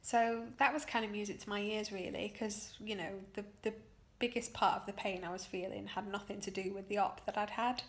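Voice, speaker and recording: This British woman, drained after her operation, shares her experience in a personal video diary, her speech halting and emotional with weight on key words. Her voice is medium-pitched and steady in tone.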